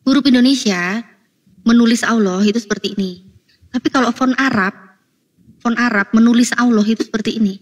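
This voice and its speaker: Woman on a video call, insistent, lecturing, exasperated, fairly high voice. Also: fairly quick, pauses often. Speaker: debater. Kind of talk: heated online debate.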